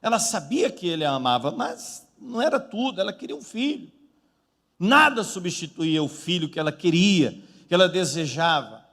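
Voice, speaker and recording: Male pastor, high voice, dramatic sermon storytelling, church hall reverb. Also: animated, moderate pace, a bit bright. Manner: dramatic storytelling, acting out quotes with rising volume.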